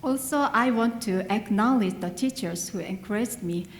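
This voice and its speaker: An adult woman learning English as a second language delivers an earnest graduation speech with small grammar slips. Her voice is medium-pitched at a normal speed. She's in a large hall, recorded with long, echoey reverb and a little hiss or hum.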